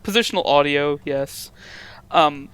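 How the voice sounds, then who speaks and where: A man hosting a video game let's play with casual commentary, explaining things in a hesitant, halting way. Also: a little high, fairly bright tone, poor audio. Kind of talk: casual group gaming commentary. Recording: faint background noise.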